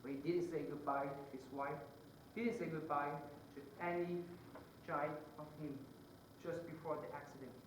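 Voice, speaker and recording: A young man from Vietnam, giving an earnest, halting closing argument to a jury in a mock trial. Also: on the high side, fairly even intonation, background noise. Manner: earnest, halting, with many pauses between phrases. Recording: echoey room, voice far from the mic.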